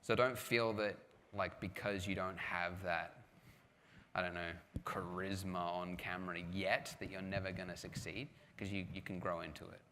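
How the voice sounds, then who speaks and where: A man with a fairly low voice talks casually at a live panel, full of restarts and filler words. His voice rings through a large hall with long reverb. A faint hum of background noise sits behind him. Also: steady tone, moderate pace, bright, forceful tone. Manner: chatty, lots of restarts and "like", self-deprecating. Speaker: guest speaker at a live conference panel. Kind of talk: casual conference talk with audience questions.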